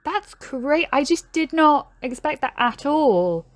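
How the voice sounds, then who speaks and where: A young British woman casually reacting to a video, thinking aloud and getting excited. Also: high-pitched, takes it slowly, no room sound. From Britain.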